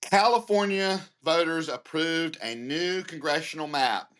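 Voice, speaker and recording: A man hosting a news commentary show, reading headlines and breaking into animated, emphatic opinionated asides. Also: fairly high pitch, measured pace. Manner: animated, ranting asides between read headlines; excitable, gets worked up and emphatic.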